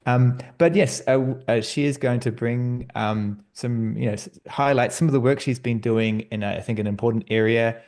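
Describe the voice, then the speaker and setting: A man hosting an online research workshop on a video call, relaxed and friendly, with frequent fillers. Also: medium pitch, normal speed, few pauses. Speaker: workshop host.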